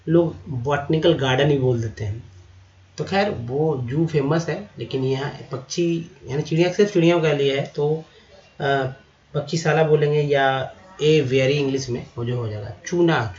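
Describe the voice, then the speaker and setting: A man teaching English vocabulary, spelling out letters and repeating each word slowly. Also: fairly high pitch. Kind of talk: vocabulary lesson. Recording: roomy, dull lo-fi sound.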